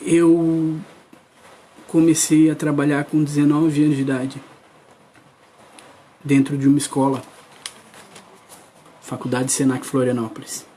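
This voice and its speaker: A man's voice: fairly high pitch, little pitch movement, a little slow, pauses often, mellow. Earnest man preaching his testimony. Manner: earnest, addresses the crowd directly. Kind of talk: testimony sermon.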